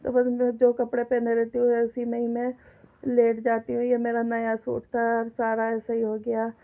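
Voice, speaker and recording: Cooking on camera in her kitchen, a middle-aged home vlogger with a cough and sore throat grumbles and talks straight to her audience. She speaks in a fairly high monotone at a moderate pace, and the phone recording has a tinny quality.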